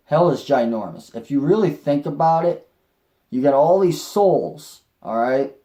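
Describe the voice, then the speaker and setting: Slow-talking man with a dark voice. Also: medium pitch. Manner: rambling, with restarts and mild swearing. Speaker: vlogger. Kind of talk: casual personal storytelling.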